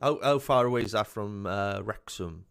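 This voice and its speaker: A man's voice: fairly low pitch, normal speed, creaky, fairly bright tone, clear, resonant tone. Young South Welsh male podcast host, chatty interview style, heavy on fillers. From South Wales. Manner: chatty, upbeat, frequent fillers and repeats. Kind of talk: casual interview chat.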